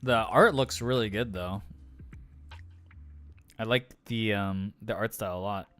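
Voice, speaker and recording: A man's voice: on the low side, measured pace, a bit bright, faint music behind. A man livestreaming, rambling in casual chat with viewers, his throat sore from talking. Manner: rambling, filler-heavy, frequent restarts.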